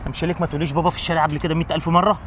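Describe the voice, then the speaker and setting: A man playing a fast, gruff, scolding father. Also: a little high, flat delivery, fairly bright tone, a little hiss or hum, lightly acted. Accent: Egyptian Arabic. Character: stern, irritable middle-aged father.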